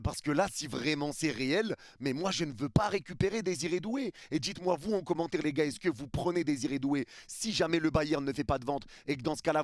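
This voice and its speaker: A man's voice: fairly high pitch, no echo, studio quality. A man giving emphatic, opinionated football news commentary to his viewers, repeating his points. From France. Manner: emphatic, repetitive, addresses viewers as "les gars". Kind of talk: opinionated casual commentary to camera.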